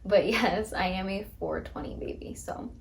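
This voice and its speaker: A woman's voice: mid-range voice, steady tone, moderate pace, a little hiss or hum. Chatty young woman on a phone mic. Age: 20s. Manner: upbeat, chatty, frequent ums. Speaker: podcast host. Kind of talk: casual get-to-know-me chat. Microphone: phone camera.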